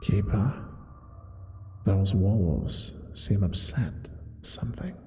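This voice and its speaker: A man voicing a cold, insolent male stranger, speaking slowly and quietly, in a bedtime-story ASMR reading. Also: deep voice, lively intonation, big-room sound, soft background music.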